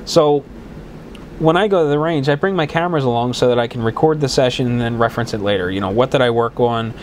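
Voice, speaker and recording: Fast-talking and mid-range in pitch, this podcast host chats on his solo show in a loose, wandering way, often restarting and filling pauses. A head cold leaves him stuffy and slightly hoarse, and there's a little hiss or hum.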